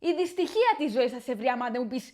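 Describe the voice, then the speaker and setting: A woman's voice: high-pitched, sing-song, darkish tone. A woman playing a jealous partner who dramatically accuses her partner of cheating. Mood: accusing.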